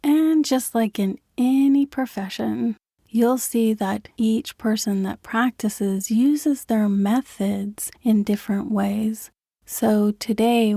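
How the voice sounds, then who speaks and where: A woman hosting a podcast, calmly explaining meditation in a soft, measured way with some breathy, half-whispered phrases. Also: medium pitch, dry recording, clean studio sound. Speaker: podcast host and meditation guide. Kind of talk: calm explanatory podcast talk.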